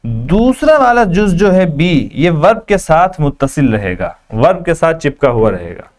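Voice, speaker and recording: A man teaching a spoken English lesson, drilling sentences slowly and asking the class repeated questions. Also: on the high side, sing-song, darkish tone.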